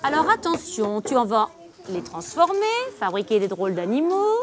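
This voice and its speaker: Lively high-voiced woman teaching young kids. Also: normal speed. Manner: patient, encouraging, asks many questions. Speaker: primary school teacher. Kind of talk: classroom reading lesson with young children. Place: classroom with children. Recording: noisy classroom with children. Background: children's chatter.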